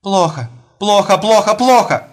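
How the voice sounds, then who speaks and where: A man's voice: fairly high pitch, slow, pushed and bright, pitched above the performer's own voice. A man voicing a distraught middle-aged mother who pleads and repeats herself. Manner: pleading, repetitive.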